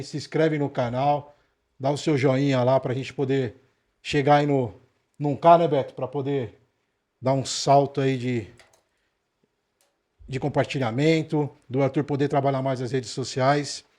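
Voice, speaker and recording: A man's voice: mid-range voice, fairly even intonation, measured pace, long pauses, a little mellow. A man hosting a podcast, opening the show in a loose, chatty way with many fillers. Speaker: podcast host.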